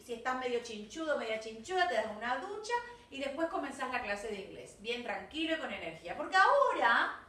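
Argentine woman, primary English teacher, high and animated voice, bilingual coaxing delivery, recorded off-mic. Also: reverberant, recorded from a distance. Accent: Argentine Spanish. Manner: switches between Spanish and English, coaxing with constant "¿sí?" and "¿ok?". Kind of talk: recorded class feedback to young pupils.

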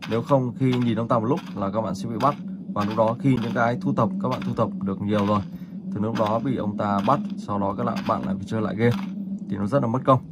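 A man's voice: on the low side, steady tone. Man explaining a game over noise. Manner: explains step by step to viewers, with filler pauses. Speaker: gaming channel host. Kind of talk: casual gameplay commentary. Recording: noticeable background noise.

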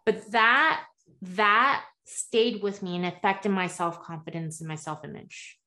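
This woman's voice is medium in pitch and unhurried. In her forties, US-born and partly raised in Taiwan, she shares her story in a candid interview as a guest coach on a video call from home, earnest and animated with her hands, dropping frequent "right?" asides.

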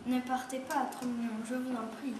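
Young storybook princess, pleading, read by a woman, fairly high voice, with noise behind. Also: level tone, normal speed, close to an everyday voice. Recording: echoey room, far from mic, noisy.

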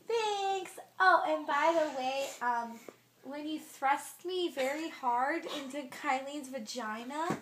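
A woman's voice: high voice, expressive, takes it slowly, reverberant, pitched above the performer's own voice. A woman voicing a small, aggrieved talking body part that complains plaintively in a joke voicemail. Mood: whiny complaint. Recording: faintly noisy home room recording.

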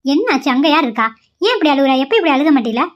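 A woman's voice: sits high, big pitch swings, quick pace, highs cut off. A woman voicing a worried young mother in a cartoon, anxious and fretful about her son.

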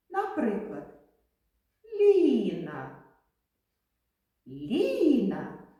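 A kindergarten teacher, a woman, leads a recorded lesson for small children at an unhurried pace, and her voice swoops widely up and down in a sing-song way. Her tone is mellow and slightly husky. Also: mid-range voice. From Ukraine.

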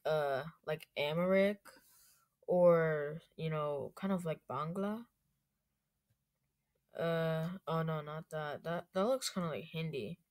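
A woman's voice: sits low, a little mellow. Chatty young woman vlogging. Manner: rambling and chatty, full of fillers. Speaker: YouTuber. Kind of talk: casual screen-recording vlog commentary.

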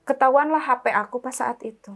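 Brief: woman, fairly high voice, lively storyteller acting out quotes. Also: a little fast. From West Java, Indonesia. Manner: lively storyteller who acts out quoted dialogue. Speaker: interviewee, former migrant worker. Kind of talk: recounting a personal ordeal in casual chat.

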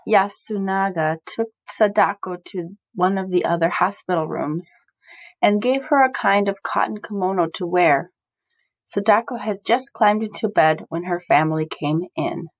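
A woman reading a chapter book aloud slowly and carefully for beginning readers. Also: medium pitch, no echo, poor audio. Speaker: storybook reader.

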